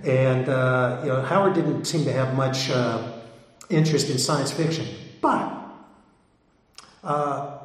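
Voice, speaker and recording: A man gives a loose, digressive talk as a pulp fiction collector, pausing and hesitating often. His voice sits in an ordinary middle register. The sound is very echoey, with a long reverb tail from a large hall. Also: medium pitch. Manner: rambling and digressive, with many hesitations. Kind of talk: informal talk to an audience.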